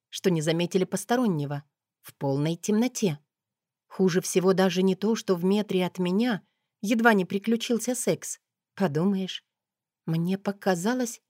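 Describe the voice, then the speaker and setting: Female narrator with a low voice and a dry, close sound, expressive first-person audiobook reading. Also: no room sound.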